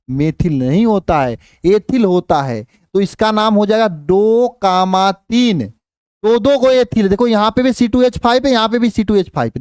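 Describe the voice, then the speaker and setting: A man teaching a chemistry class in Hindi. He counts aloud slowly, asks questions and repeats the answers, and his voice rises higher and louder when he stresses a point. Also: no room sound, clean studio sound. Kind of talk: live online class teaching.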